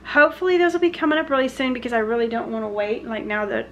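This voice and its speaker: A woman's voice: fairly high pitch, lively intonation, fast talker, muffled recording, slight background noise. Chatty woman in her forties, rambling. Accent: Southern American. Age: 40s. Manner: chatty, rambling with many fillers and restarts. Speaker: home vlogger. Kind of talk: casual chat. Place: her living room at home, indoors. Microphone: handheld camera at arm's length.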